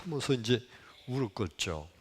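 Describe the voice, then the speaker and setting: A man preaching a sermon as pastor, telling a childhood story in an animated way and acting out the people in it with sudden loud, high jumps. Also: moderate pace, breathy edge. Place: church sanctuary. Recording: long reverb of a church hall.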